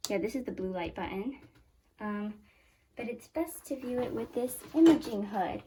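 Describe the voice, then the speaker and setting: With a squeaky, high voice and lively intonation, a 12-year-old science channel host chats through a hands-on home lab demo at a normal pace, narrating every step and correcting herself as she goes. She's heard from off the mic in a small room, against a noisy background.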